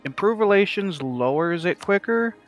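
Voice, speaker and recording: A man's voice: high-pitched, expressive, normal speed, soft background music. A man chatting casually with other players during a multiplayer strategy game, thinking aloud and explaining the game's mechanics. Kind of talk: casual multiplayer gaming chat.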